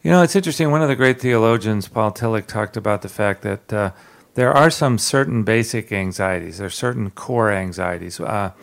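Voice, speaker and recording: A man with a low, gravelly voice hosts a radio talk program. He talks in a loose, unhurried way, full of fillers, with a hint of a Southern drawl. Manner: relaxed, many "uh" fillers, jokes about his southern drawl. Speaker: radio show host.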